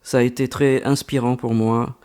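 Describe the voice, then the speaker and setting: An amateur voice actor answers interview questions reflectively in a smooth, dark, medium-pitched voice with little pitch movement. He speaks slowly and haltingly, hesitating often and repeating words.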